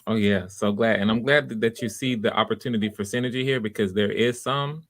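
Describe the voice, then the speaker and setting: A man with a lowish voice speaks a little fast as he casually hosts a livestreamed audition over a video call. As host and casting director, he offers encouraging, conversational feedback.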